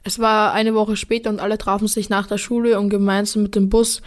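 A woman's voice: mid-range voice, flat delivery, a little fast. A young woman, narrating an amateur school drama in plain read-aloud storytelling.

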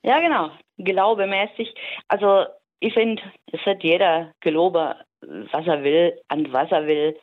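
A woman's voice: on the low side, a little slow. Easygoing woman on a tinny phone line. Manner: calm, easygoing, hesitant with repeated restarts. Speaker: caller. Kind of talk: casual phone-in chat.

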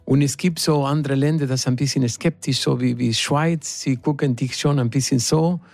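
A middle-aged man from Argentina with an Argentine Spanish accent, speaking German as a second language in a radio interview, halting and searching for words. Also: mid-range voice, steady tone, gravelly, darkish tone, no room sound. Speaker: singer, studio guest.

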